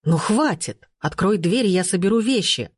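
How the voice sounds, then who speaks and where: A woman reader voicing an exasperated young man pleading and shouting up at a balcony. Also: medium pitch, animated, moderate pace, breathy edge, no echo, studio quality. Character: angry young man, caught cheating.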